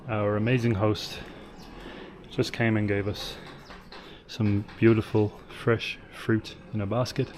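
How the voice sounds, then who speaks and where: A man's voice: lowish voice, little pitch movement, takes it slowly, darkish tone, slight background noise. A man narrating a travel vlog after a long mountain hike, tired but upbeat. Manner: tired, upbeat commentary while hiking. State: exhausted. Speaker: travel vlogger. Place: outdoors on a mountain trail and guesthouse.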